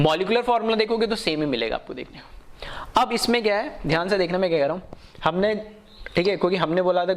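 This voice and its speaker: A man teaching a chemistry lesson, asking questions and answering them himself, and dictating definitions slowly. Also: on the high side, a little hiss or hum. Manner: slow, dictated English definitions. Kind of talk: online lecture.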